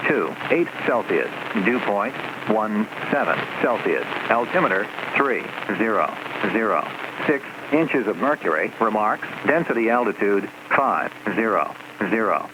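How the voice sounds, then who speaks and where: This is an automated airport weather broadcast in a somewhat low male voice. It reads numbers one digit at a time with set pauses. Loud aircraft engine noise fills the background. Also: sing-song. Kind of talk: automated aviation weather report. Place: heard inside a small aircraft in flight.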